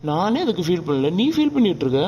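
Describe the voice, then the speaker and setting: A man voicing a young man in a cartoon who reassures his friends in a relaxed, easygoing way. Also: sits high, fast, slight background noise. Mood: reassuring. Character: young man, injured but cheerful lover. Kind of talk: cartoon voice acting.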